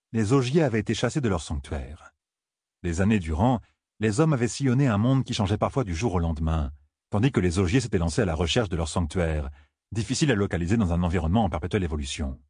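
Male narrator, low-pitched, husky, dry close recording, measured scripted narration. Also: lively intonation, darkish tone, no echo. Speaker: audiobook narrator.

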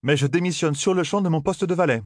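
A man's voice: a little high, quick pace, no room sound, clean studio sound, voice pushed up, close to an everyday voice. A man voicing a brash, reckless young man who talks bluntly and edgily, in a fantasy audiobook. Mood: defiant.

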